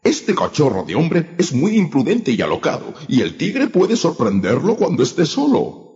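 A man voicing a wise, careful female panther who speaks in an earnest, measured way. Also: a little high, huge pitch swings, darkish tone, pitched above the performer's own voice. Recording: echoey, dull, music behind.

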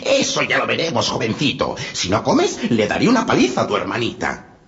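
A man's voice: medium pitch, huge pitch swings, fairly quick, pitched above the performer's own voice. A man voicing a cruel, greedy old witch in a storybook, cackling and scolding in a raised, strained voice. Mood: gloating. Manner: cackling, scolding, nearly shrieking at times. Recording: dull lo-fi, loud background noise.

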